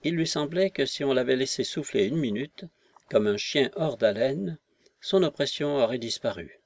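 A man narrating a literary novel as an audiobook, in a measured, even manner. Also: mid-range voice, dry recording.

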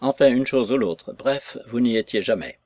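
A man's voice: mid-range voice, animated, normal speed, darkish tone, dry recording, lightly acted. A male reader voicing a proud, vengeful female maid who speaks with sarcasm and contempt. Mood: scornful fury.

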